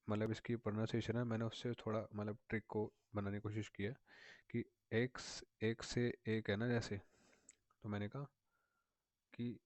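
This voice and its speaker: A male vocabulary teacher explains memory tricks step by step, repeating himself and checking in with his students. His voice sits low and stays fairly level, and it is recorded close up in a dry room with no echo. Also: darkish tone. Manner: patient, repetitive, often checks in with "theek hai na".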